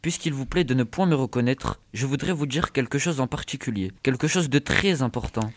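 A woman voicing a timid, lovestruck young nobleman in a lowered voice, heard somewhat off-mic. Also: expressive, fairly quick. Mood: pleading.

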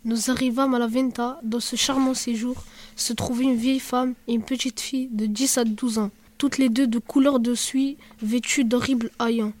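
A woman narrating an audiobook drama in a steady, even storytelling manner. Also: on the high side, normal speed.

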